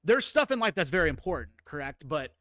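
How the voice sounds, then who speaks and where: A man's voice: fairly high pitch, sing-song, brisk, sharp tone, no room sound, clean studio sound. A man in his late thirties hosting a casual livestream chat, rambling, laughing often and greeting viewers. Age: 30s. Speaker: streamer host.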